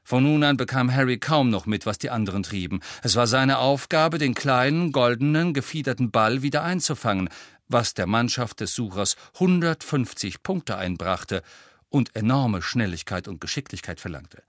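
A man's voice: medium pitch, moderate pace, no room sound. Man reading an audiobook in a dry close sound. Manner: lively, expressive reading. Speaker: audiobook narrator. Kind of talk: scripted narration.

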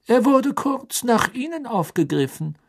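An audiobook reader voicing a cold, stern male ministry official who questions in a sharp, clipped way. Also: mid-range voice, sing-song, a little slow, creaky, voice pushed up, heavily acted. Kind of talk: audiobook character voice.

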